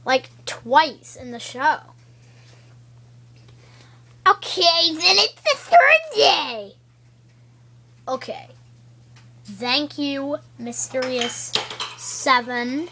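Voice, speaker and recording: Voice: sits high, animated, very slow, vocal fry, pauses often, pushed and bright, a little hiss or hum. A child narrating an improvised toy-play story in a playful, rambling way, dropping into whispers between character voices. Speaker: child playing with toys.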